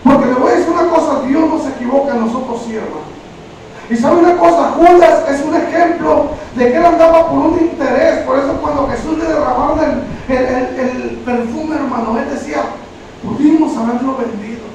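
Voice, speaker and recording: A man's voice: extremely high pitch, moderate pace, a little mellow. A man preaching a sermon, calling listeners brother over and over as he retells Bible stories. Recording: very echoey room, from far off, faint noise.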